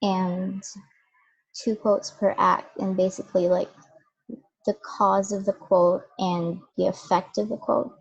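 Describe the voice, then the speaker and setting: A woman's voice: mid-range voice, level tone, takes it slowly, creaky, slightly rough, dull audio. A teenage girl, a student, answering hesitantly in an online class. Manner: hesitant, uses fillers. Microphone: video call.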